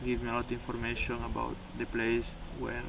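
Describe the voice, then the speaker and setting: A young man from Peru, a volunteer, gives interview answers in a flat, creaky, mid-range voice, talking a little fast and hesitating in broken phrases. The audio is very noisy, captured on a distant mic with loud music.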